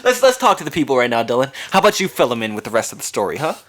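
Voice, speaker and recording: A man's voice: mid-range voice, sing-song, racing, a bit bright. A man hosting a casual podcast chat among friends, joking and teasing, laughing often. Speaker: podcast host.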